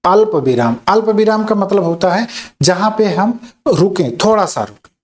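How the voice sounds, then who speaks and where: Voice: mid-range voice, big pitch swings, normal speed. A teacher giving an exam-prep grammar lecture, explaining step by step and often checking in with listeners. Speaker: Hindi teacher.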